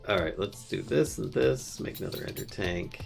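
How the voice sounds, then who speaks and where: A man's voice: on the low side, animated, normal speed, vocal fry, soft background music. A man live-streaming a modded game, chatting casually, teasing his co-player and laughing often. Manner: playful teasing, laughs often, thinks aloud.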